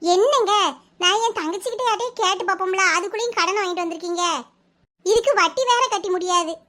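A woman voicing Ambujam, squeaky scolding housewife. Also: fast, a bit bright. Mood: worried. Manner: scolding, argumentative. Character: Ambujam, village housewife, proud, quick-tempered. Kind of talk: animated village comedy voice acting.

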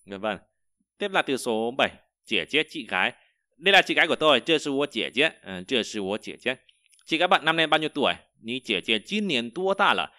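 A man's voice: medium pitch, sing-song, bright, forceful tone, no echo, clean studio sound. Man teaching word by word. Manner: explains word by word, repeats example sentences slowly; frequent hesitations. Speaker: Chinese teacher. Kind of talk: vocabulary lesson.

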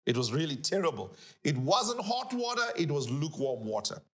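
A middle-aged man, a pastor, teaching scripture on a talk show in an animated, emphatic way, repeating key phrases. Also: on the high side, normal speed. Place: living-room studio set, indoors.

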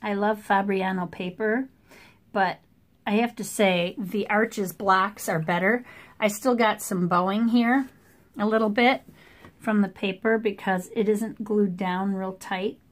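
A middle-aged woman at her art table, keeping up an easy, chatty commentary as she paints. Her voice sits at an ordinary middle pitch and is caught by a camera mic above the table. She talks things through as she goes, in plain everyday speech. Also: measured pace. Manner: relaxed, chatty running commentary. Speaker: watercolor artist. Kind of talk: thinking aloud while painting.

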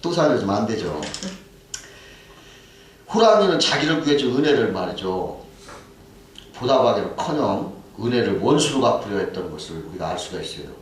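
A man's voice: lowish voice, sing-song, normal speed, pauses often, slight background noise. A male pastor preaching a sermon, telling a folk tale and asking the congregation questions. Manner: storytelling, asks the congregation questions. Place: church sanctuary. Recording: echoey church hall, mic far off.

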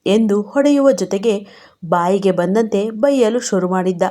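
Mellow woman narrating a romance serial. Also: mid-range voice. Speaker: storyteller.

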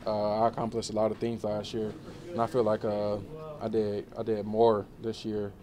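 A young man in his twenties, a college football player, answering questions in a relaxed postgame press interview, with many fillers. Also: fairly low pitch, normal speed, a crowd in the background. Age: 20s. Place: indoor media room before a banner.

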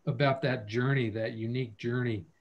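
A man's voice: mid-range voice, fairly even intonation, moderate pace, dull audio. Man hosting a casual video-call talk. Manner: conversational, thinks aloud with restarts. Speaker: host of an online family-studies program.

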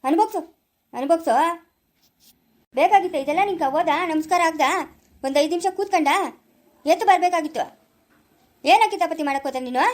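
A woman's voice: very high-pitched, quick pace, pauses often, a little mellow. A woman with a Kannada accent, acting in a family drama, lamenting and reproaching her sons. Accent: Kannada from Chikkaballapura.

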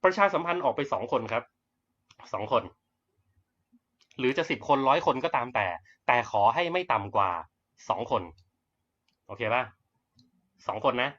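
Man, mid-pitched, crude and offhand, selling on a lo-fi live stream. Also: animated, measured pace, long pauses, bright, forceful tone. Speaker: network marketing presenter.

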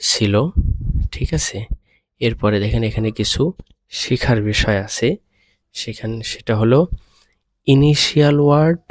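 A man's voice: medium pitch, dry recording. Patient male language teacher, dry close sound. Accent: Bangladeshi Bengali. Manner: patient, repeats "okay?" after each point. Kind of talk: screen-recorded lesson explanation.

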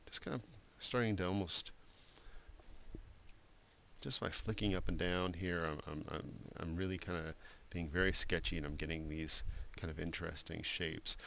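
Low gravelly guy walking through a drawing tutorial, lots of ums, rambly and relaxed. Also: normal speed, slight background noise. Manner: relaxed, rambling, many fillers and restarts. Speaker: art instructor. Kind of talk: screen-recorded software tutorial.

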